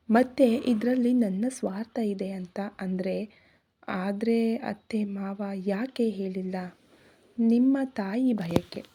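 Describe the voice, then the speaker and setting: A woman voicing a patient young husband who explains calmly and reassuringly. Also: mid-range voice, breathy edge.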